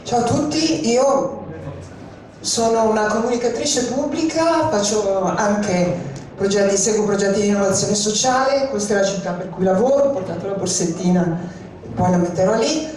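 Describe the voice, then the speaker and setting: A woman's voice: mid-range voice, normal speed, darkish tone, slight background noise. A woman introducing herself at a community event, chatty, with hesitant fillers, speaking into a handheld mic in a large hall. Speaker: audience member introducing herself. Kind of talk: spontaneous self-introduction. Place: large open hall with glass walls. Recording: very echoey hall, mic far off.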